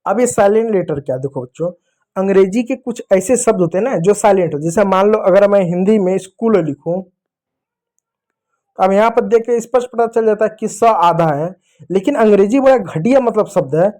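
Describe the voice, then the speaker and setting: A male teacher giving an English lesson to children, slowly spelling out words letter by letter and repeating them. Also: high-pitched, warm tone. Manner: slow, repetitive spelling-out of words.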